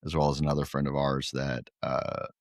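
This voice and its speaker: A man's voice: rumbling low, little pitch movement, normal speed, no room sound, clean studio sound. A middle-aged man from Guatemala, a facility owner talking earnestly in a casual interview, with many fillers and restarts. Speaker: pickleball facility owner and podcast guest.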